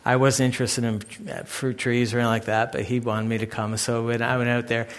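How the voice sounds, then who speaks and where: A middle-aged man, a pastor, preaching a sermon with lively storytelling. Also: medium pitch, brisk. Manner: animated storytelling, acting out others loudly.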